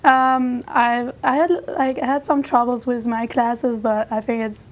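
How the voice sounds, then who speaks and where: A young woman from France speaks English with a French accent. Her voice sits fairly high, and she answers in a chatty, giggly way. She is recorded on a lapel mic in a small studio. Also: little pitch movement, measured pace. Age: young adult. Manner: chatty, laughs often. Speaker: exchange student. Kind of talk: studio interview.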